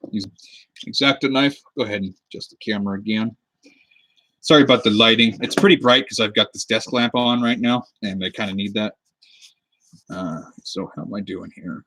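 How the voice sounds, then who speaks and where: A young man in his twenties from the US Pacific Northwest talks in a fairly low voice, rambling easily as he works on a prop at his desk. The sound is close and dry, with no room echo, captured by a simple webcam microphone. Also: a bit bright. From United States (Pacific Northwest). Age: 20s. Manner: rambling and easygoing, talking while working with his hands. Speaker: cosplay prop maker streaming live. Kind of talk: casual livestream chat while crafting. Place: indoors at a desk at home under a lamp. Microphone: webcam mic.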